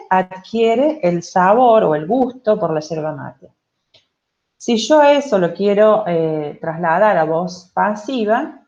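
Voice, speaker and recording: A woman's voice: mid-range voice, darkish tone, lo-fi sound. A Spanish-speaking woman teaching English in an online class, explaining patiently and checking in with her students. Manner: slow, patient, asks for checks with "¿sí?" and "¿ok?".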